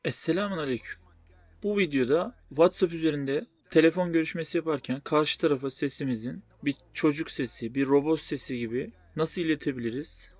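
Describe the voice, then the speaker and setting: A man's voice: fairly high pitch, a little mellow. A man hosting a spoken phone tutorial, explaining things step by step. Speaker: tutorial host. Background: music.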